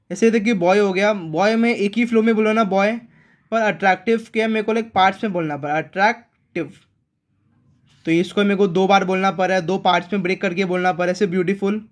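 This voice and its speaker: A man teaching an English grammar lesson in an online class. He repeats key words and asks his viewers questions. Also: high voice.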